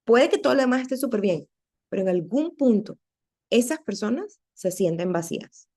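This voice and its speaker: A woman giving an earnest, conversational devotional talk to other women, often checking in with quick rhetorical questions. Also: on the high side, expressive, warm tone. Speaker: women's ministry teacher.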